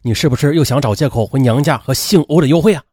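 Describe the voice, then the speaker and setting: Guy doing a desperate laid-off husband, bitter and explosive, husky voice. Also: mid-range voice, fast talker, no echo, studio quality, natural voice. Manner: bitter, erupting into raging shouts.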